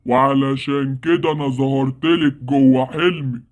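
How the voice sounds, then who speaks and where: A man voices a gloating monster of sleep for an animated game series, speaking with an Egyptian accent. His voice sits in a middle range. He scolds lazy children. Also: medium pitch, normal speed, dull audio, close to an everyday voice. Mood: menacing. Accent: Egyptian Arabic. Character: menacing male sleep monster who kidnaps lazy kids. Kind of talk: Roblox story series acting.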